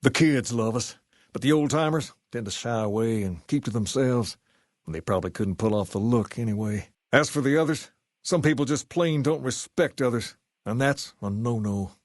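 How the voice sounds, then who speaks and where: Man acting as self-assured gang leader, rock-and-roll king type, mid-pitched male voice, folksy phrasing, measured, easygoing, video game dialogue, dry studio sound. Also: dry recording, lightly acted. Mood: cool, assured. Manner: folksy, colloquial, measured delivery. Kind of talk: scripted game character dialogue.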